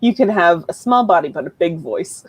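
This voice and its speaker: A woman's voice: lowish voice, lively intonation, moderate pace, slightly rough, highs cut off. A woman co-hosting a live writing stream, telling stories casually and laughing often. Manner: laughing, anecdotal storyteller. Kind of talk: casual chat.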